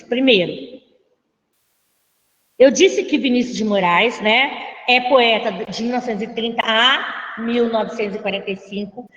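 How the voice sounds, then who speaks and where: A Brazilian woman, a literature teacher, lecturing slowly in an online class and checking in with tag questions. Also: on the high side, a bit bright. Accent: Brazilian Portuguese. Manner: slow and explanatory, with frequent tag questions. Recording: echoey room, dull lo-fi sound.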